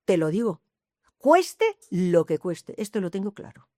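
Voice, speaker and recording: A woman's voice: on the low side, big pitch swings, a little slow, darkish tone, no room sound, clean studio sound. A woman, telling her life story in an interview with emphatic repetitions. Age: 80s. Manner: emphatic, repeats phrases, swears to the listeners. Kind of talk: emotional personal storytelling.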